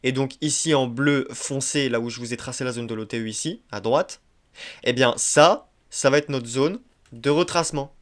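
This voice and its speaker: A man walks viewers through a screen-share trading tutorial in a mid-pitched voice. He is emphatic and repetitive, checks in with the listener again and again, and drops little verbal tics as he marks up his charts. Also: moderate pace, a bit bright. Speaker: trading instructor.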